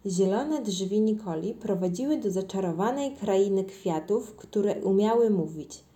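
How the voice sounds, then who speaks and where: Lady reading a kids' story, soft mellow tone, perks up for the kids talking. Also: a little slow. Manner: lively, voices children's lines higher. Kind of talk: reading a children's story aloud.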